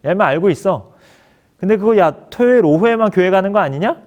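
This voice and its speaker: A preacher barking as an angry army commander. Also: male voice, high voice, expressive, fast talker, dull audio, pitched above the performer's own voice. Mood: dismissive. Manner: barking, scolding shouts. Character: gruff angry male army company commander.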